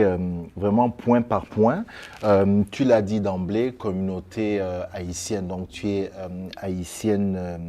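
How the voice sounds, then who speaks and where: A man with a Quebec French accent hosting an interview, talking informally with many halting fillers. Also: on the low side, warm tone. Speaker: interviewer, host. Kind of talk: conversational interview.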